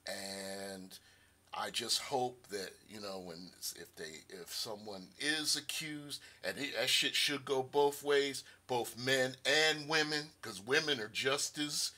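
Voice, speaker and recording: A man's voice: mid-range voice, bright, forceful tone. A middle-aged man hosting a livestream, talking casually, often laughing at his own jokes and cursing freely. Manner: laughing, profane, tangential. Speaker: science channel host.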